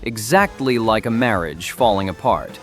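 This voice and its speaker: A man's voice: fairly low pitch, animated, normal speed, soft background music. A man delivering scripted video essay narration in a wry, emphatic way.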